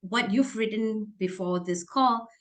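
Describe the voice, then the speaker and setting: A woman's voice: medium pitch, unhurried. A woman hosting a podcast, asking thoughtful questions while she searches for her words. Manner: searching for words, frequent restarts. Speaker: podcast host. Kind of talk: casual conversational interview.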